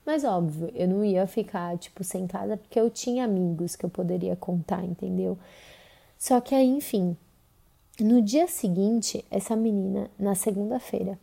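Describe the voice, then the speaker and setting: Young Brazilian woman telling her own story to podcast listeners; conversational and full of fillers, with a very dark, mellow tone. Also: medium pitch, moderate pace, vocal fry. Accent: Brazilian Portuguese. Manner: conversational retelling with many fillers.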